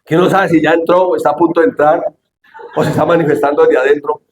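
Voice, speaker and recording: A man's voice: a little high, steady tone, fast, roomy sound, a little hiss or hum. A man preaching a sermon, asking the congregation questions and acting out quoted speech with dramatic voices.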